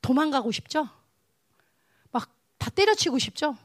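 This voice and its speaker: Brief: woman preacher, high voice, emotional testimony, dry close sound. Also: a little slow, dry recording. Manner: emotional, animated, swings to hushed tones. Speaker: evangelist preaching. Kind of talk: sermon with personal testimony.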